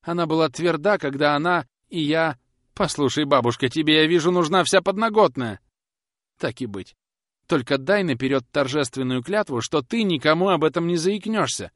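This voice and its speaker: A man's voice: on the high side, lively intonation, moderate pace, a bit bright, no echo, studio quality, voice pushed up. A man playing a nervous young knife-grinder who pleads and dodges questions in a storybook reading. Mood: evasive. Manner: whining, pleading.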